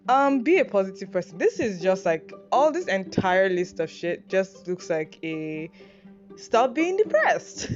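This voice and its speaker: A young Nigerian woman with a Nigerian accent hosts a podcast, rambling through an advice list in a casual, self-deprecating monologue full of fillers and swearing. Her voice is lowish and a little mellow, and the recording has dull lo-fi sound with music behind.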